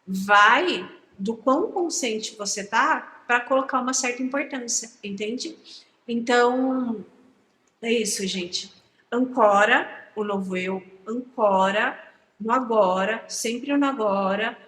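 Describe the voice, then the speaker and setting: A woman's voice: a little high, slow pace, fairly bright tone, roomy sound, long reverb tail, low-quality recording. A woman talking in a casual, reflective vlog, often repeating words and asking her listener if they understand. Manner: reflective, repeats words, frequent "entende?" tags. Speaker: channel host. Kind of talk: casual personal vlog on manifestation.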